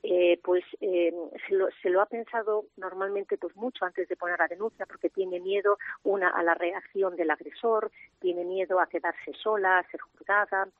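A woman's voice: fairly low pitch, steady tone, moderate pace, no echo. A woman giving hesitant, explanatory interview answers over the telephone. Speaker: interviewee, head of a women's support centre. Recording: thin, band-limited telephone line.

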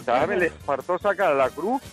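A man's voice: a little high, animated, unhurried, soft background music. A man telling a comic anecdote on a talk show, mimicking stammers and other people's voices.

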